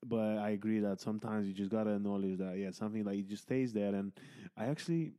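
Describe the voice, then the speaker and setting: A man's voice: on the low side, fairly even intonation, fast talker, warm tone, clear, resonant tone. A man hosting a podcast, talking candidly in rambling sentences full of fillers and restarts. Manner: candid, swears casually. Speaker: podcast host. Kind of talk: casual conversation.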